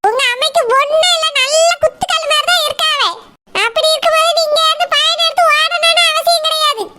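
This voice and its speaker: Brief: cartoon mother-in-law, Kanyakumari Tamil accent, bossy and sarcastic, squeaky high voice, loud noisy background with clicks. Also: steady tone, brisk. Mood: scolding. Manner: scolding, sarcastic, grumbling. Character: nagging older village mother-in-law, bossy and complaining.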